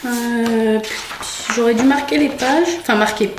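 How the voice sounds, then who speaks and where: A woman's voice: on the high side, measured pace. A young woman chatting casually in a vlog, showing things to the camera with many fillers and restarts. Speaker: vlogger. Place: room at home. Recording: echoey room with faint noise.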